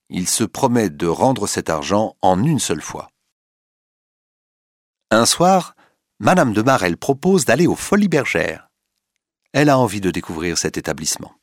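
Man narrator, deep voice, lively swings, dry close sound, expressive storybook reading. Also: no room sound. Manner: expressive, dramatic.

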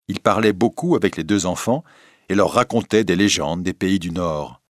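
Brief: male story narrator, deep and breathy, steady delivery. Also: no echo, clean studio sound. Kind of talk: audiobook narration.

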